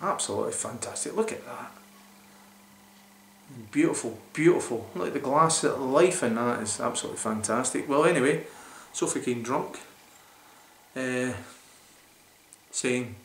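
For his casual beer review vlog, a man in his forties rambles eagerly to camera from a small room, leaning heavily on fillers. His voice sits in the mid-range, a bit bright, at normal speed. It's a roomy, echoey home recording with slight background noise.

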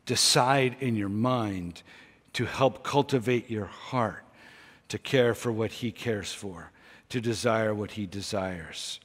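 Slow, intense male preacher in a reverberant hall. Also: lowish voice. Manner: slow, intense preaching that swings from loud urging to hushed near-whispers. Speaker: pastor. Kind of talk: sermon. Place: large church sanctuary. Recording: long church-hall reverb.

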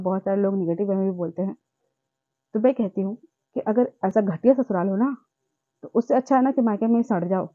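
In a mid-range voice, a young woman pours out an emotional vlog monologue about her life, indignant, heated and repetitive. The audio is dry and has a tinny, phone-quality sound.

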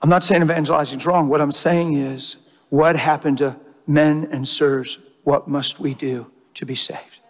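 Male preacher, lively storyteller, slightly high voice, echoing church hall. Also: unhurried. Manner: animated storytelling, acting out dialogue. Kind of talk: sermon. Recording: long hall reverb.

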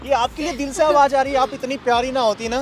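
A man's voice: very high-pitched, steady tone, quick pace. A young man pranking a stranger outdoors, teasing her and reciting playful love couplets. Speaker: prankster host. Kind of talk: street prank banter. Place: outdoors in a park. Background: background music.

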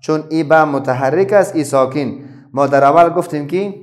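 Here a middle-aged man teaches reading to children, his Afghan Dari accent clear and his voice on the high side. Each patient question he asks, he goes on to answer himself.

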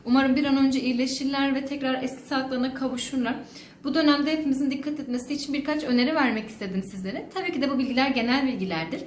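Give me a high-pitched woman dietitian explaining things formally and quickly, recorded in an echoey room. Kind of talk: informational advice to viewers. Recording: echoey room with faint noise.

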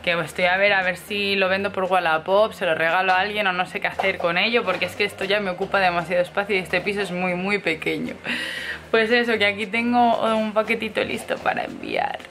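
A young woman from Spain, a mother chatting casually in a vlog, with frequent laughs and soft asides to her baby. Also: mid-range voice, brisk, slight background noise. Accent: Spain Spanish. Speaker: vlogger mother.

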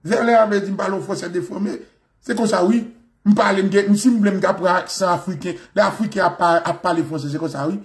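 A man from Haiti giving an animated, mocking comic monologue as a commentator. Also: high-pitched, brisk.

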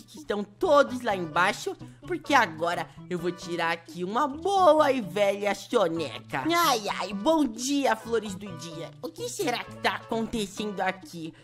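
A woman with a Brazilian Portuguese accent talks her way through a Minecraft session in a chatty, easygoing manner. She sighs often and coos softly over cute animals, at a middle pitch, with faint music playing underneath. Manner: chatty, sighing "ai, ai", cooing at animals. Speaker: gaming video host. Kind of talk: Minecraft let's play commentary.

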